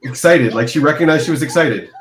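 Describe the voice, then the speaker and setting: A man chats casually on a video call, musing and questioning in quick bursts. His voice has an ordinary pitch. The sound carries a noticeable room echo. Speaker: hangout participant. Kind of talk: casual group chat. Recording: roomy echo.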